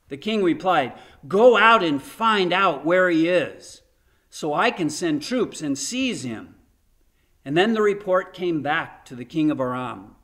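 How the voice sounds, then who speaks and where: An older man delivers a sermon from a room in his home, speaking into a webcam. His voice sits a little high, and he tells the scripture story with earnest, emphatic storytelling. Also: fairly bright tone. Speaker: pastor. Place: home room in front of a framed painting.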